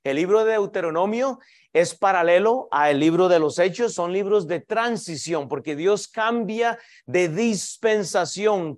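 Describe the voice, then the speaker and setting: A man preaching in a church with a voice pitched higher than most men's. He addresses the congregation directly, often restarting his phrases. He poses rhetorical questions and answers them himself. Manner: preaching with frequent "hermanos" asides and repeated restarts. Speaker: pastor. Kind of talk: sermon.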